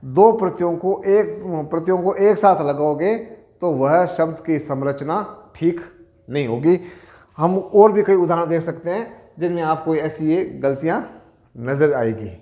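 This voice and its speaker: A man's voice: fairly high pitch, a little slow, mellow. A middle-aged man from Rajasthan teaching a Hindi spelling lesson for exam preparation, patiently explaining and answering his own questions. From Rajasthan, India.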